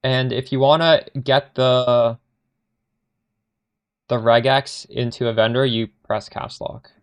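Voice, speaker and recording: With a medium-pitched voice marked by vocal fry, a Canadian-accented man chats casually with viewers while streaming a game live. He answers questions from chat as he plays and often drifts off mid-sentence.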